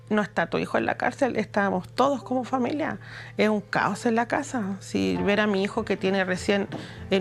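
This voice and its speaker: A woman with a Chilean Spanish accent giving an earnest, emphatic account as a guest in a television interview. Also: mid-range voice. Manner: earnest, emphatic storytelling with quoted speech. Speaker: guest, mother of a detained youth. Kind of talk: interview testimony.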